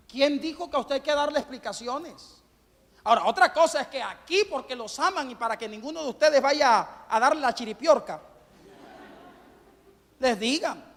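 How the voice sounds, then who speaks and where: Male pastor, sermon, high voice, fervent and questioning, hall reverb. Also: a bit bright. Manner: fervent, questions the congregation and calls for amens. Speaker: pastor preaching to a congregation. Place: church hall at a Sunday service. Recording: long church-hall reverb.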